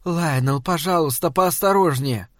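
An anxious, devoted wife who keeps coaxing her husband to slow down, voiced by a male audiobook reader. Her lines come gently and pleadingly, set in a fairly high, dry, close-miked voice. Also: no room sound, natural voice. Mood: worried. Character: worried devoted wife, middle-aged woman.

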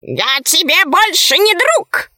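A woman voicing a squabbling two-headed talking bird in a storybook, shrill and excitable, with its lines set a little back from the mic. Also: slow pace, no echo, clean studio sound, heavily acted.

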